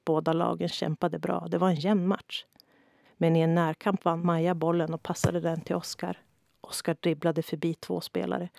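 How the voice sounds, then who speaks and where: A woman reading a children's story aloud in a calm storytelling manner. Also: fairly low pitch, creaky, no echo, clean studio sound. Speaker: narrator.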